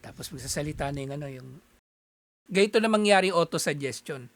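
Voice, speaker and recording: A man from the Philippines giving a casual, animated talk, chuckling often and acting out little exchanges as he explains. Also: a little high, fairly quick, no echo.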